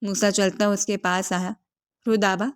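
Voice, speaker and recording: A woman reading a romantic novel aloud in scripted narration, with steady storytelling. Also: a little high.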